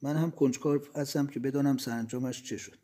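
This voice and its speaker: A man reading an audiobook aloud, steady and deliberate. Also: medium pitch. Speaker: audiobook reader. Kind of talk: audiobook narration.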